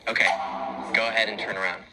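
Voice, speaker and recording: A man hosting a show segment, giving brisk countdowns and short prompts to guests. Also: lowish voice, flat delivery. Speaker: show host. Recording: loud background noise.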